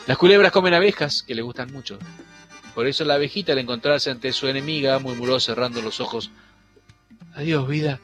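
A man narrating a children's fable in an expressive, dramatic storybook reading. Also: mid-range voice, fast. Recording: faint music behind.

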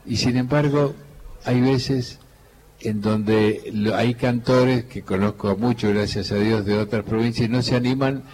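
A man from Cuyo, Argentina, with a Cuyo Argentine accent, a folk guitarist telling stories in a relaxed conversation and quoting others as he goes. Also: medium pitch. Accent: Cuyo Argentine Spanish. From Cuyo region, Argentina. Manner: unhurried storyteller who quotes others and hums lines. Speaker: folk guitarist and singer, interview guest.

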